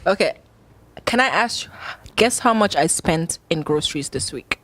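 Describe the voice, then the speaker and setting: A woman's voice: lowish voice, expressive, moderate pace, a bit bright. Young woman, radio co-host, chatty, giggly, studio mic. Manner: chatty, giggly, self-deprecating. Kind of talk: casual radio chat. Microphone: studio microphone.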